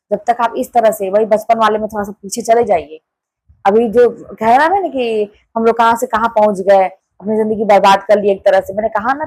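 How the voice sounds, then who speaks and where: An insistent woman gives a motivational talk to the camera in a casual, conversational tone. Her voice sits somewhat high, and she drives her points home by repeating them. The recording is close and dry, with almost no room sound. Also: a little mellow, no echo, low-quality recording. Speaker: motivational YouTuber.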